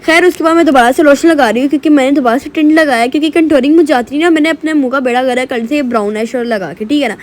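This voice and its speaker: A young woman talks through her makeup routine in a casual voice-over. Her voice sits high, and she speaks very fast. She rambles in a chatty, self-mocking way. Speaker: beauty vlogger. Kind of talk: casual get-ready-with-me voice-over.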